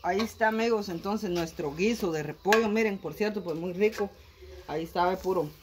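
A woman's voice: mid-range voice, fairly quick. A woman in her thirties hosting a casual cooking vlog, chatting to viewers as she explains each step. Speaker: home cook and channel host. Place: outdoor kitchen with wood fire under a tin roof. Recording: noisy outdoor phone audio. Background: fire and food sizzling.

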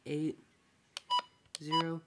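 A man with a slightly high, monotone voice talks very slowly while casually narrating a hands-on setup for a hobby video, muttering short fragments to himself. He records indoors on a handheld device, and the very noisy audio is full of loud noise, button clicks and electronic beeps.

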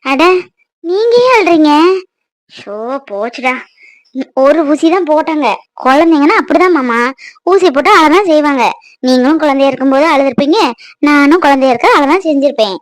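A woman's voice: high-pitched, expressive, normal speed, pauses often, dry recording. A woman voicing an exasperated young wife in a cartoon, scolding her weepy husband and coaxing her baby. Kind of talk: cartoon voice acting.

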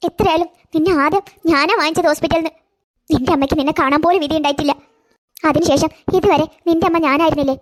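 A tearful, self-sacrificing cartoon grandmother as a woman puts her on. She coaxes gently in a high voice at a quick pace. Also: fairly even intonation, close to an everyday voice. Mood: sad. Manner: gentle, coaxing. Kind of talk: cartoon voice acting.

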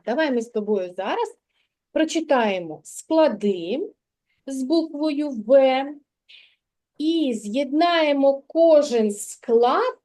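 A woman's voice: sits high, dark tone. A kindergarten teacher, a woman, guiding a young child through a literacy lesson, patiently coaxing and sounding out syllables in a classroom.

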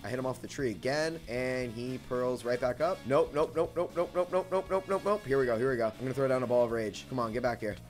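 A young man commentating on his gameplay as a hyped gamer bro, excitable and slangy, often repeating short phrases. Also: medium pitch, quick pace, hardly any pauses, soft background music. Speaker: gaming video host.

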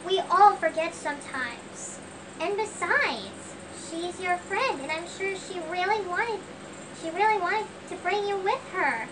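Someone voicing a gentle dad, sped up. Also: a little slow, recorded from a distance, noisy background. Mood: soothing. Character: patient, gentle father of a big family. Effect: sped-up, pitch-raised playback.

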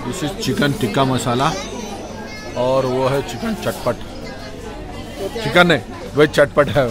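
A man's voice: medium pitch, takes it slowly. A man casually narrating a food vlog over dinner, chatting freely and dropping blessings between comments, in a busy restaurant. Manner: chatty, sprinkles in religious blessings. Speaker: vlogger. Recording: noisy crowded restaurant. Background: loud crowd chatter.

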